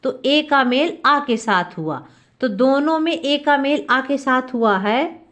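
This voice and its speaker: High-voiced woman teaching grammar. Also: animated, slow pace, fairly bright tone. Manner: repeats questions and answers them herself, drawing out key sounds. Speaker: Sanskrit teacher. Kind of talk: classroom lesson explaining grammar.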